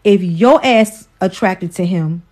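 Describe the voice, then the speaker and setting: A woman in her forties, a wife, hosts a casual relationship livestream in a slow, slightly mellow mid-range voice. She's outspoken, profane and preachy, lecturing her viewers.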